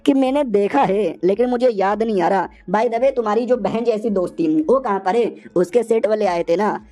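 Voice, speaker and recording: A woman's voice: medium pitch, moderate pace, warm tone, natural voice. A woman voicing a cocky young male hero who talks in an offhand, slangy, teasing way.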